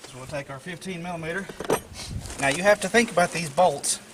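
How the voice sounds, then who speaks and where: With background noise behind him, a man with a slight head cold talks briskly in a higher-pitched voice. He's a DIY car repair presenter giving a casual how-to, explaining each step patiently and plainly with lots of fillers.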